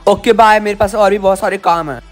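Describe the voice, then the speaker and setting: A man plays a smug, scheming cartoon schoolboy with a high voice. He sounds breezy and pleased with himself, and faint music plays behind him. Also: fairly even intonation, brisk, lightly acted. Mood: sly.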